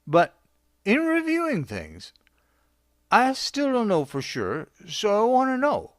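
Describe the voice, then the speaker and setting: A man voicing a drunk, freshly fired office worker who slurs and rambles haltingly. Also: sits high, huge pitch swings, dry recording, clean studio sound, voice pushed up, exaggerated voice. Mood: drunkenly rambling. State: drunk, slurring.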